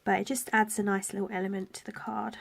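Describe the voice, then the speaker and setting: Nursing a head cold, a stamping craft demonstrator walks through a card-making tutorial in a raspy, blocked-up nasal voice. She talks softly while she works, sometimes nearly whispering, with a mid-range pitch, flat delivery and quick pace.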